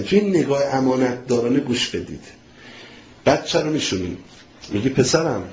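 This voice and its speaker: A man's voice: a little high, a little mellow, a little hiss or hum. A man preaching a sermon with passion, acting out family conversations. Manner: impassioned, acts out family dialogues. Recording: echoey, dull lo-fi recording.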